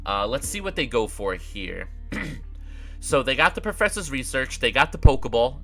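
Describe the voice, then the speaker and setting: A young man with a congested, nasal voice from allergies, chatting casually through a card game with frequent fillers and throat clearing. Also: medium pitch, very animated, moderate pace, bright, forceful tone, soft background music. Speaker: gaming creator. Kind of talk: casual gameplay commentary.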